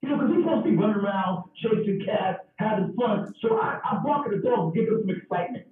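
A man's voice: sits high, fast. A man, a stand-up comedian, telling stories in casual chat over a video call, acting out voices as he goes. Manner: animated, acts out voices and dog sounds. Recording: echoey, distant, phone-like call audio.

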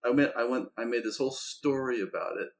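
A man's voice: mid-range voice, fast talker. A middle-aged man in casual conversation, talking reflectively about himself and laughing often.

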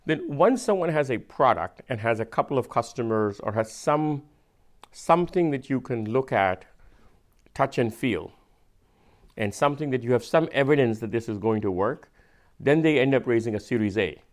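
A man's voice: medium pitch, lively intonation. Patient man with an Indian accent. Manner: patient, measured explanations with occasional slowed emphasis. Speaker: venture capitalist. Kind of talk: explaining in casual conversation.

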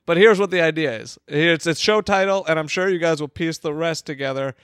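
A man's voice: on the high side, a little fast, fairly bright tone, clear, resonant tone, dry recording, studio quality. A man co-hosting a casual comedy podcast who insists on his points and laughs often. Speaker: podcast co-host.

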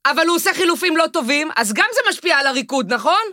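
A woman hosting a heated sports debate, sharp and quick to cut the others off. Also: sits high, animated, no room sound, studio quality. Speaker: sports show host.

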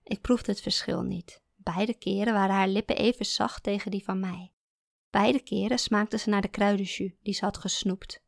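A woman reads a first-person story aloud in a calm, measured voice. There's a gravelly fry in her tone. The recording is close and very dry. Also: medium pitch, dry recording. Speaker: narrator.

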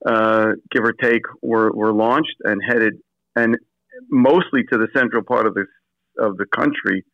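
Man over the phone, guest pastor, halting with ums, muffled lo-fi line, dry sound. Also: fairly low pitch, fairly even intonation, creaky, dry recording. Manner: hesitant, many fillers and restarts. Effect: heard over the phone. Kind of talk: casual interview answers.

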